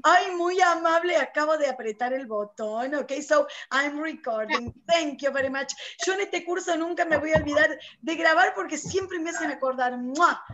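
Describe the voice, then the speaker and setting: A woman with an Argentine accent leads an online English class, coaxing her students through vocabulary. Her voice sits high and lively. The video call audio carries a clear hiss. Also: normal speed, hardly any pauses, highs cut off. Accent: Argentine Spanish. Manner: lively, coaxing, switches between Spanish and English. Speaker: English teacher. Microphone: computer mic on a video call.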